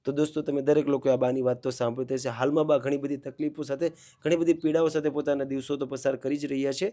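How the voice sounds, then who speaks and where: A man with a Gujarati accent who hosts a charity video, gently consoling the woman he interviews and then making an earnest appeal to viewers. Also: medium pitch.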